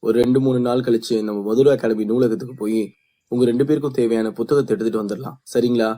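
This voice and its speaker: A man doing a calm, kind young trainer. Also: mid-range voice, fast talker, natural voice.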